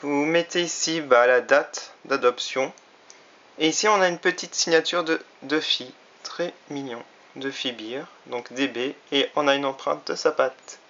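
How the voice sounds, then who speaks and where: A man's voice: medium pitch, unhurried, a bit bright. A man casually reviewing a toy he bought, chatty and often hesitating with fillers. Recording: slightly dull lo-fi recording.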